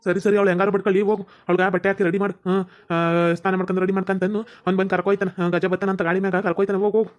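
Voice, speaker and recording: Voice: mid-range voice, level tone, very fast, hardly any pauses. A voice actor with a North Karnataka Kannada accent playing a bossy village elder in a cartoon comedy. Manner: bossy, ordering others about.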